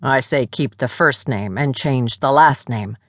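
A woman's voice: extremely low pitch, unhurried, no echo, pitched below the performer's own voice. A woman narrator voicing a laid-back young man with a dry, teasing manner.

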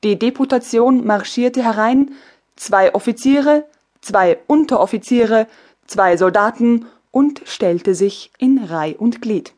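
A woman narrating an audiobook in a measured, dramatic storytelling manner. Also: fairly high pitch, darkish tone. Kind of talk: scripted narration.

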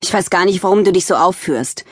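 A grumpy fourteen-year-old sister from a children's storybook, voiced by a woman narrator, brushing her little sister off. She speaks in a low, husky, dismissive tone, recorded dry and close. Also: a little fast, no room sound, natural voice.

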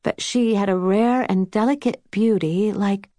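A woman voicing a patient, gentle girl who murmurs softly, like a storyteller. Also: mid-range voice, unhurried, dry recording, clean studio sound, close to an everyday voice. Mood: storytelling.

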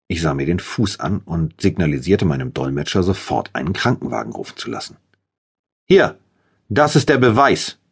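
A man's voice: deep voice, slightly rough. A man reading a thriller audiobook in the first person, with a dramatic and intense delivery. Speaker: audiobook narrator.

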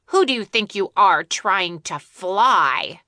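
A woman voicing a gruff, scolding male squirrel in a children's audiobook, bossy and sharp-tongued. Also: a little high, lively intonation, slow pace, no room sound, studio quality, full character voice.

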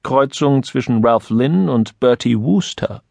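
A man's voice: medium pitch, animated, vocal fry, a little mellow, dry recording. A man voicing a blunt, irreverent young woman from an office in an audiobook. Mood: cheeky. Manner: quick, cheeky, blunt.

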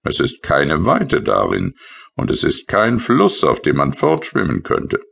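A man's voice: extremely low pitch, huge pitch swings, measured pace, gravelly, fairly bright tone, breathy edge, exaggerated voice. A man voicing a grumpy, weary male painter in a children's audiobook, sulky and complaining. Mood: grumbling.

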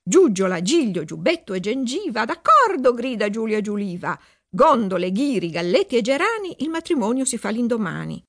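A woman's voice: on the high side, sing-song, moderate pace. A woman voicing an obedient young lady-in-waiting who recites a silly poem in a sing-song rhythm. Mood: reciting.

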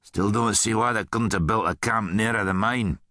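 A man's voice: mid-range voice, expressive, unhurried, pushed and bright, no room sound, clean studio sound, voice pushed up. A man voicing a bold, scrappy young male miner who stands up to bullies, cocky and snarling.

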